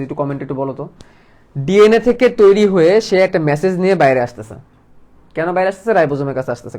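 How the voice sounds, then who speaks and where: Fast-talking man teaching. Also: mid-range voice. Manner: lively, asks students questions and plays out molecules as characters. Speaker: biology teacher. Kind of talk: casual online lesson.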